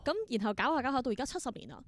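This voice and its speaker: A young adult woman with a Hong Kong Cantonese accent speaks as a guest in a casual interview, reflecting aloud and slipping English words into her talk. She performs and creates theatre work. Her voice sits a little high and she races along, with slight background noise.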